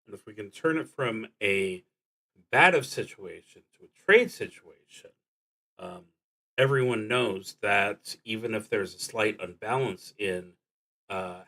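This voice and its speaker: A man streams a solo tabletop roleplaying game, improvising commentary as he thinks aloud. His delivery is hesitant and halting, often trailing off mid-thought. His voice is fairly low and fairly bright, and the audio quality is poor.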